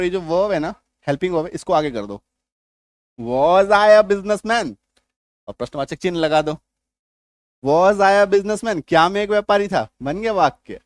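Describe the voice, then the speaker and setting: A man with a high voice teaches grammar, walking through each step and pausing often to ask if it is clear. The recording is dry and close, with no room sound. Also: no room sound. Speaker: English teacher. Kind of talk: grammar lesson.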